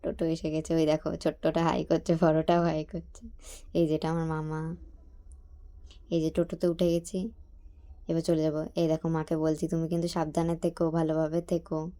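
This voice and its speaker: A young woman from chats straight to her viewers as a casual vlogger. Her voice sits a little low and flat, with a mellow, dark tone. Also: moderate pace, pauses often. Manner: chatty, talks straight to viewers. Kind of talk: casual vlog narration.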